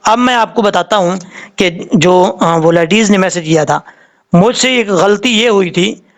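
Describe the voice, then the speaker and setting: A man's voice: high-pitched, a little slow. A man with a Pakistani Urdu accent teaching Quran reading, patiently drawing out letter sounds to show how they are said.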